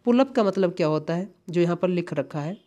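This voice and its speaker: A man's voice: high-pitched, lively intonation, brisk, dark tone. A man tutoring exam English, explaining step by step and repeating key words with frequent tag questions. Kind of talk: exam-prep lesson.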